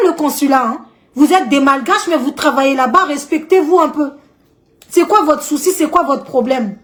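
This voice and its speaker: A woman talks straight to her viewers in a high voice. She scolds with indignation and circles back over her own points, stumbling and restarting as she presses on. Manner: indignant, scolding, repeats herself. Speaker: vlogger. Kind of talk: direct-to-camera rant.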